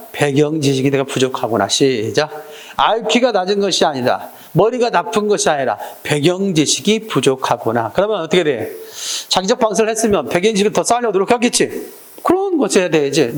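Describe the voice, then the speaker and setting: Male exam-prep lecturer, high voice that swings around a lot, conversational and questioning. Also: very animated, quick pace, roomy sound. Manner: questioning, acts out little scenes with quoted voices. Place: lecture room.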